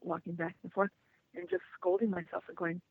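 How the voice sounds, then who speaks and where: Woman, guest, gravelly, earnest rambling storytelling, phone-line sound, dry. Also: fairly low pitch, fairly even intonation, brisk, a little hiss or hum. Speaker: interview guest. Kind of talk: first-person storytelling.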